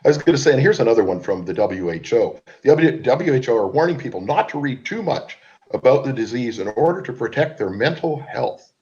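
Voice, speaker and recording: A man's voice: medium pitch, animated, fairly quick, mellow. A man with a cold hosting a group conference call, chatty and mocking. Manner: chatty, mocking, repeats himself. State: has a cold, coughs when laughing. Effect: conference call audio. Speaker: host. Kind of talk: online group call chat. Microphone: computer call mic. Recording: dull lo-fi online call audio.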